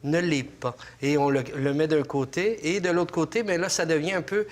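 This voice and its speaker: A man's voice: a little high, fairly even intonation, normal speed. A man speaking as an educator guest on a panel, explaining his view through worked examples with frequent hesitations. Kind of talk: panel discussion.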